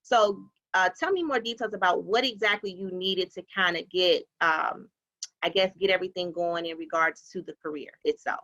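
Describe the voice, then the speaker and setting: Woman, interview host, bright edgy tone, encouraging, repeats phrases. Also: on the low side, normal speed, low-quality recording. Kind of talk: casual interview talk.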